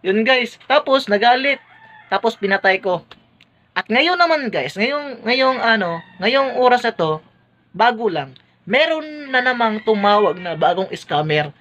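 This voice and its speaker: A man's voice: very high voice, lively intonation, unhurried, a bit bright, slight background noise. A man vlogging, casually recounting a phone call to his viewers in a chatty, hesitant way. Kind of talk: casual storytelling to camera.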